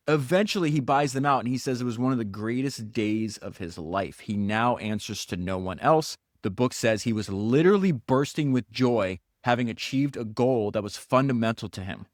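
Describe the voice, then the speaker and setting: A man hosting a podcast, retelling a biography in fast, animated bursts, acting out quotes, with stammered restarts. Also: medium pitch, no echo, studio quality. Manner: animated, acts out quotes in character. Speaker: podcast host.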